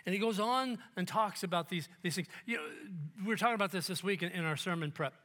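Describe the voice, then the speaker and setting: A male pastor preaching a sermon in church, conversational and joking, dropping to hushed tones at times. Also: high voice, quick pace. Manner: conversational and joking, with sudden soft, hushed quotes.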